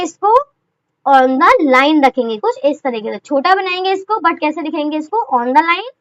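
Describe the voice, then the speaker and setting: A young woman explains shorthand strokes in a very high, light voice, asking her listeners "okay?" after nearly every point. She mixes English terms into her Hindi. The sound is dry and close, with no room echo. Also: fairly bright tone. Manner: keeps asking "okay?" and answering her own questions. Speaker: shorthand teacher. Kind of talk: step-by-step classroom explanation.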